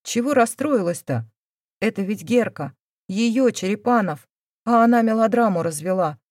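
A woman reads a novel aloud as the narrator, steady and expressive. Her pitch is mid-range and the recording is dry, with no room sound. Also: normal speed, no echo. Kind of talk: audiobook narration.

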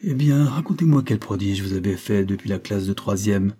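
Old male teacher, quavering and assured, pitched up and loud, played by a man reading. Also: moderate pace, husky. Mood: insistent. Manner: patronizing, then sneering.

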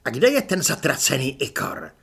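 Man playing a gruff bullying corporal, audiobook, loud, barking, sharp tone. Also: medium pitch, very animated, exaggerated voice. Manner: barking, scornful.

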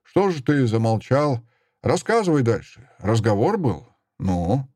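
A man reading an audiobook voices a seventy-year-old mischievous drunk carpenter with a creaky, querulous, nagging voice. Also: mid-range voice, sing-song, unhurried, darkish tone, no echo, studio quality. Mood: suspicious, pushy. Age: 70s. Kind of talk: audiobook character voice.

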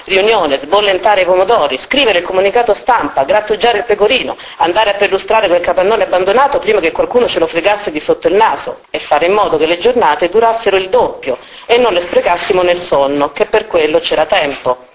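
A woman reading the opening of a novel aloud at a book presentation, with steady, expressive storytelling. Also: fairly low pitch, brisk, few pauses, slight background noise, rough recording.

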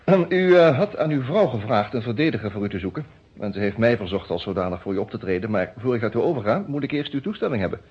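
A man acts a careful, formal defence lawyer and narrator for a radio detective play, his businesslike lines measured and broken by hesitant pauses. The voice is medium in pitch, animated and slightly rough, heard through a muffled, dull old radio recording.

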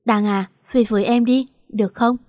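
A woman's voice: a little high, fairly even intonation, normal speed, darkish tone, dry recording, studio quality, close to an everyday voice. Woman reading as a heartsick young woman. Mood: pleading.

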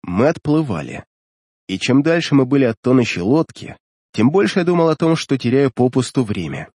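A man reading a first-person fantasy audiobook with an animated, dramatic delivery, close to the mic. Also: medium pitch, normal speed, husky, dry recording. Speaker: audiobook narrator.

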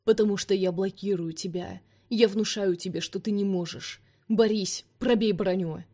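A woman voicing a fierce, scornful vampire man in an audiobook, speaking forcefully and commandingly. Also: mid-range voice, steady tone, moderate pace, lightly acted. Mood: harsh.

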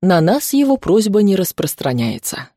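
Woman doing a smooth male werewolf, self-assured, lively swinging tone, husky, dry close sound. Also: mid-range voice, moderate pace, dry recording. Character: confident adult male werewolf, boss's older brother.

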